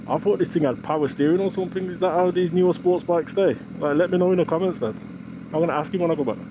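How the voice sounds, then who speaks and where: A British motorcycle vlogger thinks aloud as he rides down the road, his commentary slangy, excitable and off the cuff. His voice is fairly high and fast, and the action camera mic picks up wind, engine noise and passing traffic.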